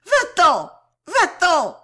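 Shrill, furious young woman with a hot temper, put on by an audiobook reader. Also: wildly swooping pitch, very slow, bright, forceful tone, full character voice. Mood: furious shouting.

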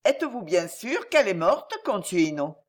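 Woman voicing a fiercely jealous noblewoman; cold, intense, menacing, pitched high. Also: very animated, normal speed.

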